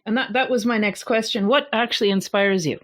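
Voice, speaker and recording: A woman interviewing a guest in a conversational way, asking questions and softly following up. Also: on the high side, a little fast.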